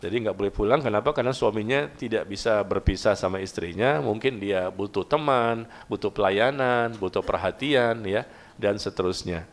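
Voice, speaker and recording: A man's voice: lowish voice, moderate pace. A male preacher giving a casual, conversational sermon, asking his listeners questions and acting out little dialogues. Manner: conversational, asks the audience questions and acts out dialogue. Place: mosque gathering.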